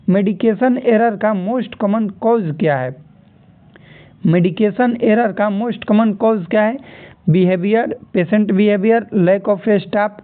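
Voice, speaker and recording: Man teaching nursing exam questions, tinny audio. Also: high voice. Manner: repeats key terms, tells students to remember.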